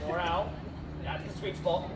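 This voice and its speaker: A man telling a story to a live festival crowd as a comedy performance, giving his volunteers animated stage directions and shouting now and then. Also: sits high, measured pace, noisy background. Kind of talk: live audience-participation comedy retelling. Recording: far-off echoey outdoor crowd recording.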